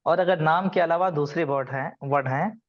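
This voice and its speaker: A man teaching a class, his voice a bit higher than most men's. He explains rules patiently and quizzes his students by name. The sound is dull and lo-fi. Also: moderate pace. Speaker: Arabic grammar teacher. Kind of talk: online class lecture.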